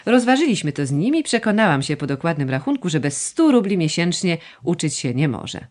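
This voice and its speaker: A woman reading the lines of a fussy noble mother who gushes, complains and coaxes her son for money, with a lively, sing-song delivery. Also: lowish voice, fairly quick. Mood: plaintive. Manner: gushing, complaining, coaxing. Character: fussy aristocratic mother, middle-aged woman, plaintive. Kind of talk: audiobook dialogue reading.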